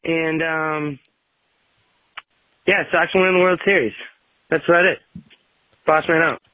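A man's voice: on the high side, steady tone, measured pace. A man leaving a casual voicemail for the hosts, rambling and hedging before a boastful sign-off. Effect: voicemail played over a phone line. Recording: dry, tinny phone-line voicemail.

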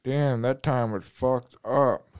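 A man in a casual podcast chat, speaking haltingly, repeating words and swearing. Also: mid-range voice, fairly even intonation, a little mellow, clear, resonant tone.

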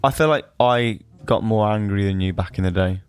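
A man's voice: lowish voice, clean tone, faint music behind. A man, a guest on a podcast, joking back and forth with the host. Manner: fast, joking banter. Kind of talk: casual podcast chat.

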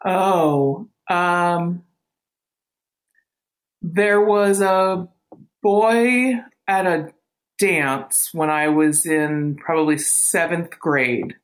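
Anonymous female interviewee, late thirties. Altered voice, on the low side, slow and halting. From small town. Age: late 30s. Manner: hesitant, halting recollection. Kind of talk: candid interview conversation.

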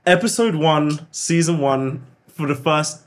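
A man's voice: on the high side, unhurried, a little hiss or hum. A man in his twenties chatting casually on a podcast in a slangy, bro-like way. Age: 20s. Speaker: podcast guest or panelist. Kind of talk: casual chat.

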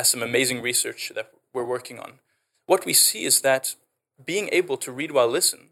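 In a podcast interview, a man who founded an edtech company describes what he does, speaking with a Canadian South African accent. His mid-range voice is a bit bright, and his delivery is fluent and keenly enthusiastic.

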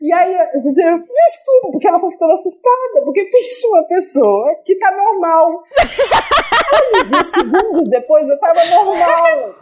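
A young adult woman from Brazil tells a story on a casual podcast, with a high-pitched voice. She laughs often and acts out the lines she quotes. It feels like an easy, chatty conversation. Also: big pitch swings, measured pace, heavy background noise. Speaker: guest actress.

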